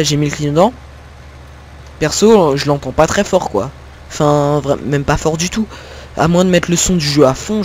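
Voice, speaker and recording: A young gaming video creator from Picardy in northern France rambles through casual gameplay commentary into a desktop mic, chatty and full of fillers, hesitations and little laughs at himself. His voice is fairly high, and a tractor engine hums faintly in the background.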